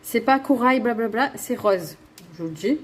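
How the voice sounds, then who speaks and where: A woman's voice: fairly high pitch, expressive, moderate pace, a little hiss or hum. Bubbly, rambling woman reading cards. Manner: bubbly, giggly and rambling, with self-mocking asides; lots of fillers and restarts, chatting straight to viewers. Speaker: tarot and oracle card reader. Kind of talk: casual spoken card-reading guidance.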